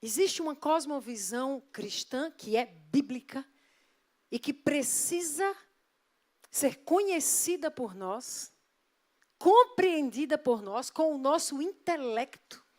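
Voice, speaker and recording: High-voiced woman preaching. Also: lively intonation, slow pace. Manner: emphatic, with rhetorical questions to the congregation. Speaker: pastor. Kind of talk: sermon. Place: church.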